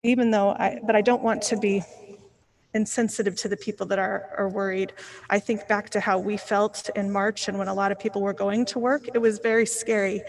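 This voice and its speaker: A woman's voice: medium pitch, little pitch movement, brisk, creaky, poor audio. A woman speaking as a board member, giving her remarks at a public meeting. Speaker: healthcare professional.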